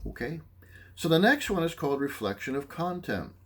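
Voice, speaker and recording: A man's voice: on the high side, moderate pace, husky. A man teaching a psychology lesson, explaining listening skills, often checking in with "okay?" and acting out short examples. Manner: animated, acts out examples. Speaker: psychology instructor. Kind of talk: lecture.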